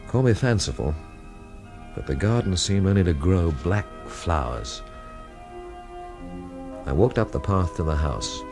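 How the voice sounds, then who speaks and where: A low-pitched actor plays a cynical English investigator in a radio drama, narrating his own story in a deadpan, sardonic style.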